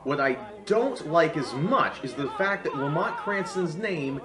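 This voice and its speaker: Sarcasm and comic exaggeration drive this man's informal film review, delivered as a video reviewer and host. His voice sits fairly high with lively intonation and a measured pace, and music plays under a roomy echo.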